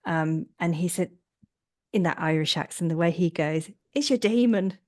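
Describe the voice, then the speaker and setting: A woman's voice: low voice, little pitch movement, normal speed, a little mellow. A middle-aged woman from England hosting a chat, enthusiastic and rambling. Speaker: host. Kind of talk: casual chat.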